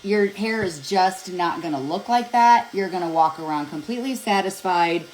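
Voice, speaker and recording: Chatty, self-deprecating woman with a low voice. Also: expressive, normal speed, darkish tone, slight background noise, poor audio. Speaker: beauty vlogger. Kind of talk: casual hair tutorial. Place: home, at a mirror.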